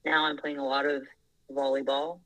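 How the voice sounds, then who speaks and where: A woman's voice: extremely low pitch, little pitch movement, moderate pace, dry recording, poor audio. A woman in her thirties from Thailand, a podcast guest talking earnestly and laughing easily. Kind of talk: casual interview.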